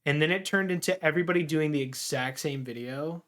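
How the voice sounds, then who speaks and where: A young man with a slightly high voice talks in a loose, laid-back way, filling his speech with "like" and "dude." He grumbles his opinions in easy conversation with a friend on a livestream. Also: brisk, fairly bright tone. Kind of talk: casual chat.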